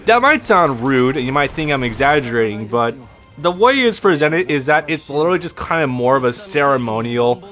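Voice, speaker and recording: Man, lisp, mid-pitched voice, casual game commentary, profane and rambling, faint game music behind. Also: expressive, a little fast, a bit bright. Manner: rambling, profane, frequent restarts. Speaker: let's play host.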